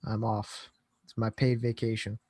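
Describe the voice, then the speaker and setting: A man hosts a podcast in a relaxed, rambling way. He talks casually and laughs often. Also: on the low side, measured pace, no echo. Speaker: podcast host.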